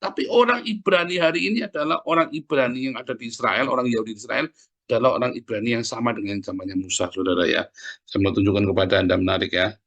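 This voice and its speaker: A middle-aged man preaching a sermon, often adding "Saudara ya" and dropping from loud peaks to quiet asides. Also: fast talker. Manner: conversational preaching, often tagging phrases with "Saudara ya"; swings from loud emphatic peaks to low asides.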